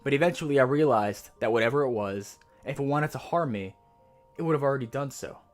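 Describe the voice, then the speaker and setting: Over a clear music bed, a man with a medium-pitched voice lightly acts out a haunted first-person narrator in a creepypasta, growing more terrified as the tale goes on. He delivers it in a measured, suspenseful way, lingering on the frightening details, and the mood is uneasy and haunted.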